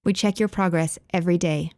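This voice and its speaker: A woman's voice: fairly low pitch, fairly even intonation, a little fast, a little mellow, dry recording, studio quality, natural voice. A woman voicing a kind, cheerful neighbor and mother of a big family, speaking in a lifted, friendly tone. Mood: warm, cheerful.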